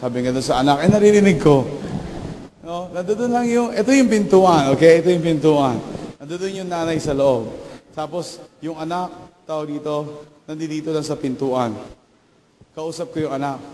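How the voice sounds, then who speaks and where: High-voiced pastor in a reverberant church hall. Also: male voice, moderate pace, slight background noise. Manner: animated, acts out quoted voices. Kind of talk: Taglish sermon storytelling. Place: church sanctuary.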